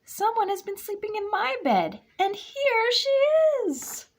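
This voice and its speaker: A woman voicing a little girl bear cub with a high, squeaky voice, reading a storybook aloud. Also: sing-song, measured pace, exaggerated voice.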